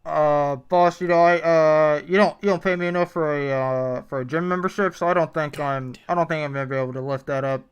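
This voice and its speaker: A man's voice: on the high side, steady tone, clear, resonant tone. A man doing a dazed drive-thru worker over the speaker. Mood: dazed apologetic. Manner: halting, full of uhs. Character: indifferent, stoned young male drive-thru worker. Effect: tinny drive-thru speaker voice. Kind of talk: improvised podcast comedy bit.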